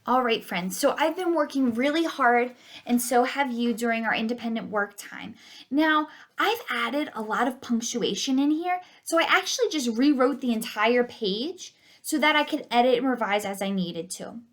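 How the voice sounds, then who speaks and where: A woman's voice: a little high, lively intonation, normal speed. A woman teaching a recorded writing lesson to second graders, upbeat and encouraging.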